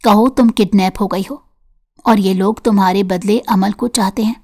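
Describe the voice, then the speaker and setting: A woman's voice: mid-range voice, fairly even intonation, darkish tone, close to an everyday voice. Woman reading a furious young kidnapper, harsh, threatening, desperate, storybook narration. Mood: stern.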